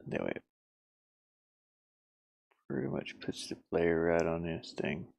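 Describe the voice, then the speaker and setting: A solo indie game developer thinks aloud while working on his game, muttering short fragments to himself in casual screen-recording commentary. His deep voice is very animated yet slow, creaky and a little mellow.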